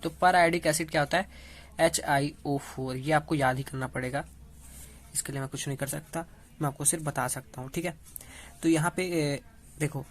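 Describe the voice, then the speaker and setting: A young man explaining a chemistry topic to students in a casual classroom manner, often checking in with them as he goes. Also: fairly high pitch. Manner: talks students through steps, often checking with "ठीक है". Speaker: chemistry tutor.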